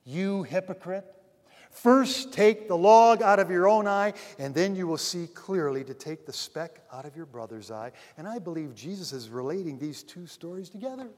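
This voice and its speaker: A pastor preaches with a high voice that rings out in a large hall with a long reverb. He swings from ringing emphasis to almost hushed asides, addressing the congregation as dear friends. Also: animated, normal speed. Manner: dramatic swings between loud emphasis and near-hushed asides. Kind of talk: sermon.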